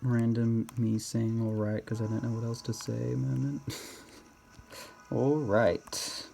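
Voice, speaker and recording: A man's voice: medium pitch, level tone, slow pace, creaky, mellow, soft background music. A man giving casual, rambling game commentary, thinking aloud and often questioning himself in a hesitant way. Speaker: gamer narrating own gameplay.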